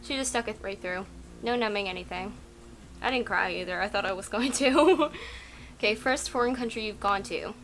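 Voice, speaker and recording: Her voice is medium-pitched and fairly bright, moving at normal speed. She's a young adult native Russian speaker casually vlogging from home at night, answering tag questions in a chatty, rambling style packed with "um" and "like."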